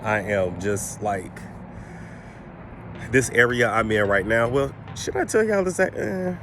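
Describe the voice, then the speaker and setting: A man's voice: medium pitch, lively intonation, slow pace, fairly bright tone, slight background noise. A man in his thirties vlogging in a casual, rambling, slangy way, talking straight to his viewers and swearing freely. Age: 30s. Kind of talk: casual vlog chat.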